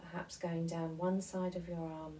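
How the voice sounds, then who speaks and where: Distant mic with faint noise, woman, soft-toned and lowish, soothing devotional relaxation guide, leaves pauses. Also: little pitch movement. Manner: gentle, soothing, unhurried instruction with pauses.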